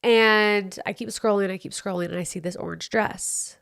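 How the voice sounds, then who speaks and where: A young podcast host speaks at a normal speed with fairly even intonation, her medium-pitched voice a bit bright and marked by vocal fry. Alone on a studio mic, she chats candidly and playfully about her week, sounding a little congested.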